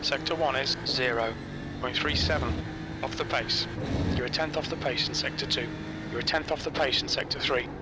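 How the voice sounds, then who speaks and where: A man barks terse pit radio calls in a clipped, matter-of-fact way, like a race engineer. His voice sits at a middle pitch. A loud engine roar runs under every word. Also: steady tone, normal speed. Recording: loud engine noise behind.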